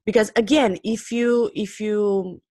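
A woman's voice: medium pitch, measured pace, dry recording, studio quality. Rambling, playful woman podcast host. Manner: rambling and lively, with many fillers and restarts; playful, jokey. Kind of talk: unscripted solo podcast talk.

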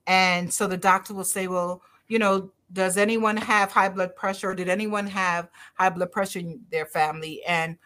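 With a mid-range voice, fairly even intonation and a fairly bright tone, a middle-aged Barbadian doctor speaks at a moderate pace with few pauses. She's a podcast guest in a conversational interview, earnest and emphatic, and she repeats her key phrases.

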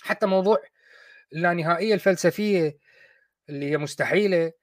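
A man hosting a talk show, talking casually and mocking his opponents with quick acted asides. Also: high-pitched, no echo, studio quality. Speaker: host of a call-in discussion show.

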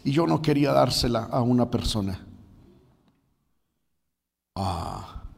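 A man's voice: medium pitch, animated, slow pace, gravelly, in a large hall. A man preaching an impassioned sermon, often addressing the congregation as brother.

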